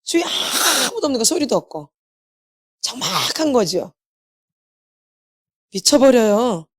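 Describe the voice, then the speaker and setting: A woman delivers a sermon at a healing meeting, her fairly high voice rising and falling with lively swings. She keeps repeating key phrases for emphasis and tosses questions to the congregation before answering them herself. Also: a little slow, breathy edge. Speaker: healing ministry lecturer.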